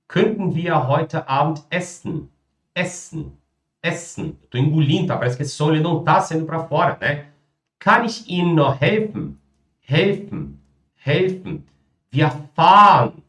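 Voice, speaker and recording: A man with a Brazilian Portuguese accent teaching German in a live online lesson. He repeats German words slowly and clearly and keeps checking in with "tá?" and "né?". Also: mid-range voice. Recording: roomy echo.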